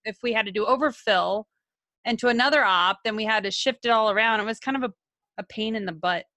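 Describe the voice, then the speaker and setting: Bright, giggly woman chatting. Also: fairly high pitch, quick pace, no echo. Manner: giggly, animated storyteller. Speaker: dental assistant, podcast co-host. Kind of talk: casual chat.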